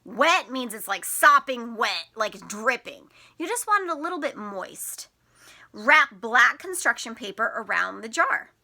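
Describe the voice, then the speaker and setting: A woman teacher, her voice a little high with big pitch swings, a measured pace, and a sharp tone, reads a picture book aloud to young kids. She asks them questions, explains in simple terms, and expressively highlights key words.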